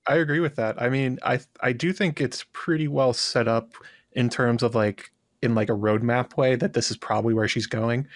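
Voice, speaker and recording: A man co-hosting a fan podcast, talking through ideas in a quick, wry, analytical way. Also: mid-range voice, no room sound, studio quality. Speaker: podcast co-host. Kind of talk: casual chat.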